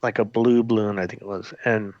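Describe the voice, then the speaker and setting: A man's voice: lowish voice, flat delivery, brisk, darkish tone, no echo. Man telling a rambling story, dull dry sound. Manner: rambling, many fillers and restarts. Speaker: guest, former theme park custodian. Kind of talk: conversational storytelling.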